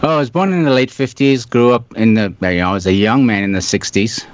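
A man in his sixties from Africa, telling his life story as an interview guest in a reflective, halting way. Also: medium pitch. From South Africa. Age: 60s. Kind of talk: casual storytelling. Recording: dull lo-fi sound.

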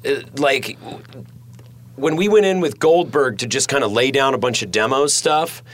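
A man's voice: medium pitch, expressive, moderate pace, fairly bright tone. A man hosting a podcast in a studio, chatting casually and rambling with lots of fillers and swearing. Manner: rambling and profane, many fillers. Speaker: podcast host. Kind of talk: casual chat.

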